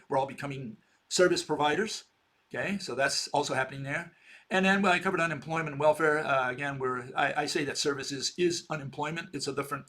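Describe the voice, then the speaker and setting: A man's voice: a little high, fairly bright tone. A man in his sixties giving a rambling informal lecture, posing rhetorical questions and checking in with "okay?". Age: 60s.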